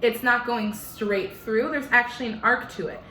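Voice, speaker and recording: A woman's voice: fairly high pitch, moderate pace, sharp tone, roomy sound, a little hiss or hum. A young woman with a slight lisp teaching an online singing lesson from her living room, giving step-by-step instructions.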